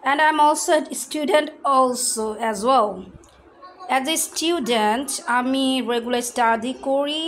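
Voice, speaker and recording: An adult woman from Bangladesh, a physician and lecturer, casually explaining pronunciation rules and reading English word lists aloud in a mix of Bengali and English. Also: on the high side. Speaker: physician and lecturer sharing homework. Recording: faint background noise.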